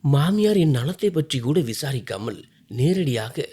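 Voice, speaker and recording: A man narrating an emotional first-person family story, moving between hushed and raised delivery. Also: mid-range voice, big pitch swings, a little slow, husky.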